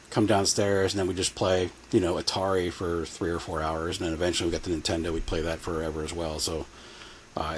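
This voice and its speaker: An older man talking casually as a guest, his voice very low and his words tumbling out quickly. He rambles and restarts often, with a faint background hum under the home mic. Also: poor audio. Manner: rambling, full of fillers and restarts. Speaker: podcast guest. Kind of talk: casual chat. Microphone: home mic set low.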